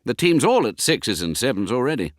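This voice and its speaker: A man voicing a worried schoolboy football captain, brisk and exasperated. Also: medium pitch, big pitch swings, no echo, clean studio sound, pitched above the performer's own voice, natural voice.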